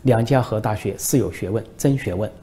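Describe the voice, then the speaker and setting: A man's voice: on the low side, fairly quick, mellow, lightly acted. A man voicing a stern, preachy male customs officer who asks pointed questions and lectures. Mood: questioning, lecturing.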